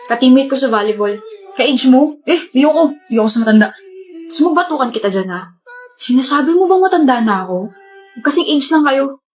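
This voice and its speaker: A woman's voice: fairly high pitch, lightly acted. A woman playing a cocky, bratty younger brother in a comedic skit, teasing his older sister.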